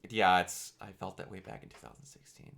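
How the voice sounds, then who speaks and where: A young man talking casually on a game stream, halting with many restarts. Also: deep voice, big pitch swings, creaky, a bit bright.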